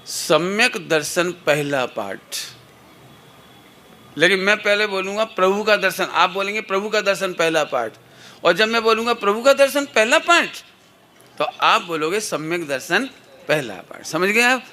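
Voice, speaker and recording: A man's voice: high-pitched, animated, measured pace, sharp tone. A man teaching at a children's camp, playfully coaxing the kids and counting out cues for call-and-response chants.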